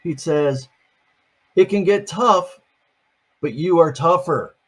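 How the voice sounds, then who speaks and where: An older man, a grandfather, reads a picture book aloud to his grandchildren in a slow, fairly high voice with a breathy edge. He's chatty, explaining each page in plain words.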